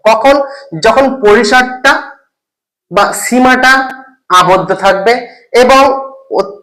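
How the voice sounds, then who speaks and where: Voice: medium pitch, a bit bright, rough recording. A teacher explaining a grammar point in a recorded lesson, asking questions and checking in with the listener. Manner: reads example English sentences slowly, word by word. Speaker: English teacher.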